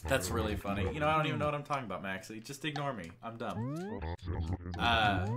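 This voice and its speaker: A young man with a tongue piercing streams a game and chats casually, his medium-pitched voice quick and lively as he rambles, trips over his words, and pokes fun at himself. The piercing shapes how he talks. Loud music plays behind him, along with a loud crowd.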